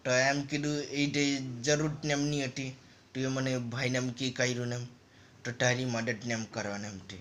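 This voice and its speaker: Man, gaming narrator, flat monotone delivery, rambling repetitive phrasing, casual storytelling. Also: mid-range voice, normal speed, slight background noise.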